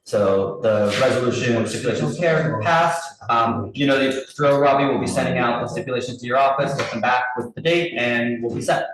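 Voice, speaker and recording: A man chairing a public committee meeting over a group video call, briskly reading out license terms and calling a vote. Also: mid-range voice. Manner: brisk, businesslike, reads lists with small restarts. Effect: heard over a group video call. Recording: very roomy echo from a distant mic, faint noise.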